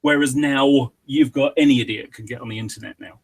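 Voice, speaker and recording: Husky-voiced British man on a tangent. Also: medium pitch, a little fast. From Britain. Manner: rambling, drifting off on tangents. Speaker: podcast guest. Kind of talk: casual podcast chat.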